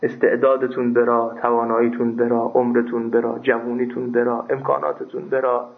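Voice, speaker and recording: A man teaching a seminary class on religious law speaks emphatically and scoldingly, raising his voice at his students. His creaky, mid-range voice shows little pitch movement, captured on a tinny, phone-like recording.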